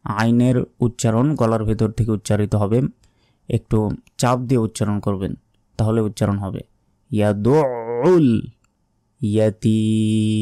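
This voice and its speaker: A man teaching Quran recitation, explaining pronunciation step by step, repeating words and chanting verses with long drawn-out notes. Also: fairly low pitch, dark tone, no room sound, studio quality. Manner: slow and careful, repeats words to correct pronunciation.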